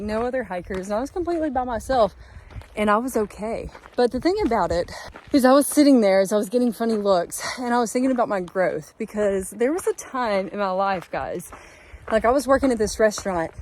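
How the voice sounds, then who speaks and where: A woman's voice: medium pitch, a little mellow, a little hiss or hum. A young woman hiker talking to her vlog camera outdoors on a trail, earnest and upbeat, giving a pep talk. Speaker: long-distance hiker vlogging her trip. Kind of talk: casual motivational vlog talk.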